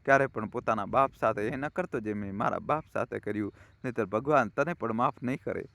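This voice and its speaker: A man's voice: mid-range voice, brisk, creaky, fairly bright tone, dry recording. A man voicing a remorseful grown son who talks tearfully and pleadingly.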